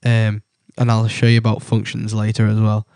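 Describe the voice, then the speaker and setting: Young man from Britain, has a cold, low flat voice, mellow tone, dry close sound, lots of ums. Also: clean tone, no room sound. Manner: halting, many ums and likes. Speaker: tutorial presenter. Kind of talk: casual screen-recorded coding tutorial.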